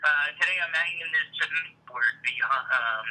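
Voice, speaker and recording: A man heard over a speakerphone in a casual phone chat, talking haltingly with many fillers. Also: on the high side, bright, forceful tone, low-quality recording. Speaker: husband called on the phone.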